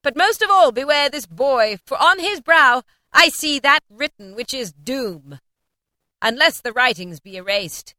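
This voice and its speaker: A woman voicing a stern, sorrowful spirit who speaks in loud, slow, solemn pronouncements. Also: high voice, expressive, no echo, pitched above the performer's own voice, exaggerated voice. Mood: solemn warning.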